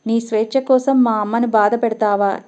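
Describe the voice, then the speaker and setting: A woman's voice: fairly high pitch, steady tone, moderate pace, close to an everyday voice. A woman voicing an angry young man confronting his wife, with a dull lo-fi sound. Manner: shouting in anger.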